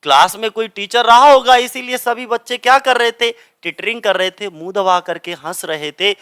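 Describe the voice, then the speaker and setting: A man's voice: high-pitched, moderate pace, sharp tone, smooth. A young adult man teaching English literature, explaining step by step and asking and answering his own questions. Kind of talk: classroom explanation of grammar.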